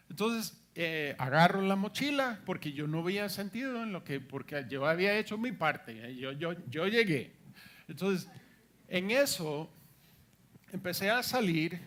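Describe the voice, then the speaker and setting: High-voiced man preaching a testimony sermon. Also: fairly bright tone. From United States. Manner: storytelling, acts out quoted dialogue, emphatic repetitions.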